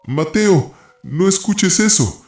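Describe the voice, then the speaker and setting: A man voicing a terrified mother trapped in the dark, pleading and shouting in a horror story. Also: medium pitch, big pitch swings, slow, voice pushed up. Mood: desperate. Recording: echoey room, faint music.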